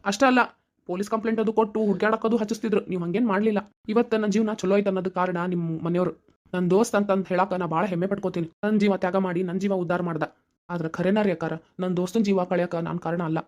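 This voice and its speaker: A woman voices a wealthy, kindly middle-aged family friend in a cartoon, speaking earnestly and reassuringly in a North Karnataka Kannada accent through long explanations. Her medium-pitched, darkish voice moves fast with fairly even intonation, lightly acted.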